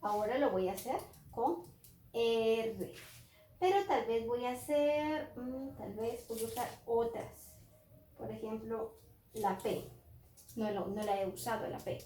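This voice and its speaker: Slow, mellow-voiced woman teaching phonics. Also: on the high side, a little hiss or hum. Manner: slow, drawn-out sounding out of letters. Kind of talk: children's phonics lesson at a whiteboard. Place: classroom with whiteboard. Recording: echoey room.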